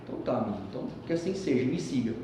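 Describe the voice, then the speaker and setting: A man voicing a calm, patient old sage who speaks slowly, low and quietly. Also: natural voice. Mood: calm, firm. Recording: echoey hall with faint rumble.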